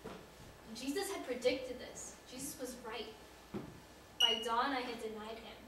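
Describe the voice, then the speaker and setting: A woman's voice: on the high side, fairly even intonation, measured pace, background noise, natural voice. A woman acting the part of a remorseful male apostle in a church drama monologue, earnest and building to pleading cries, heard from a distance in an echoey hall. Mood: fearful. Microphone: far room mic.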